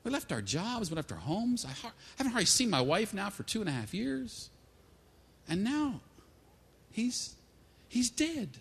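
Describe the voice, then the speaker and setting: A preacher playing an awestruck grieving disciple. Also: male voice, high-pitched, a little slow, pauses often, breathy edge, voice pushed up, exaggerated voice. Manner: excited storytelling, first-person dramatic retelling. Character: grieving male disciple recalling miracles. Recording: echoey hall.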